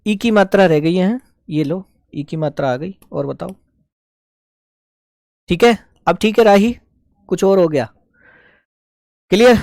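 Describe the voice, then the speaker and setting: A man's voice: high-pitched, expressive, a little slow, gravelly, long pauses, a little mellow, no echo, clean studio sound. A man teaching a live online shorthand class, explaining each stroke step by step and patiently answering his students.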